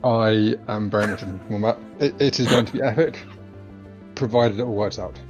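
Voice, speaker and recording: A man introducing his tabletop game character in an earnest, slightly halting way. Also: on the low side, a little mellow, soft background music. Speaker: player.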